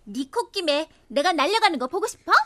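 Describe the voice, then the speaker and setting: A woman's voice: very high-pitched, brisk, no room sound, studio quality, full character voice. A woman playing an impulsive, earnest young sorceress in a radio drama, theatrical in delivery. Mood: impatient, scolding. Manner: animated, theatrical. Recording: music under the voice.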